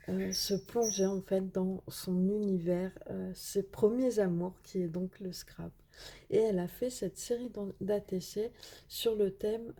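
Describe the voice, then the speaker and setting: A woman's voice: medium pitch, breathy edge. A woman vlogger chatting casually while unboxing craft mail, hesitant with many fillers and full of enthusiastic praise.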